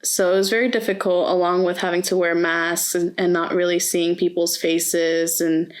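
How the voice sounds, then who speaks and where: A woman's voice: fairly low pitch, flat delivery, normal speed, smooth. A young woman from Mexico, interviewed as a student, speaking earnestly and reflectively with frequent hesitations. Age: young adult. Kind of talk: oral history interview. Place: university campus.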